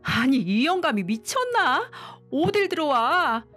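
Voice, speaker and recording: A hot-tempered young husband , played by a woman storyteller, yelling in fury at his father. His voice jumps well above the narrator's usual pitch. The delivery is loud and indignant. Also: very animated, unhurried, soft background music, full character voice. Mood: furious. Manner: angry, shouting.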